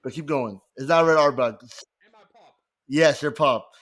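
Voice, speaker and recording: A man's voice: fairly high pitch, measured pace, fairly bright tone. A man co-hosting a casual podcast, reading out trivia questions with stumbles and restarts.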